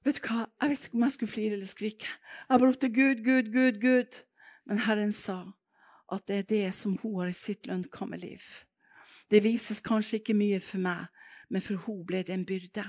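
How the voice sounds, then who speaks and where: A woman preaching a sermon, telling stories in a lively way and breaking into fervent exclamations. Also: mid-range voice.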